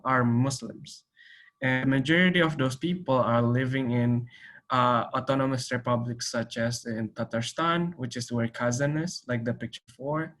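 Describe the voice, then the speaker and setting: Man from Indonesia, co-host, calm explanatory slide talk online. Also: medium pitch. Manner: explanatory, steady, some restarts. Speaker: event co-host and presenter. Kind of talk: informal slide presentation on a video call.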